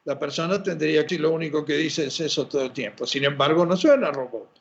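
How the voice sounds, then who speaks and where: A man being interviewed, explaining in a lively, teacherly way and posing questions he then answers himself. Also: a little high, a little fast. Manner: lively teacherly, asks and answers his own rhetorical questions. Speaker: interview guest. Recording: muffled lo-fi audio.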